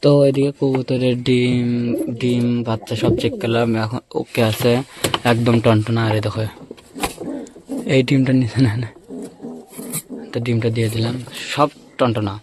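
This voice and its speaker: A man's voice: medium pitch, flat delivery, normal speed, long pauses. A man talking casually to viewers as he checks on his pigeons and feeds them. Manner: chatty, talks to viewers while tending birds. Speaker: pigeon keeper vlogger. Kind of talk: casual vlog commentary. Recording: loft with clear bird noise. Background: pigeons cooing.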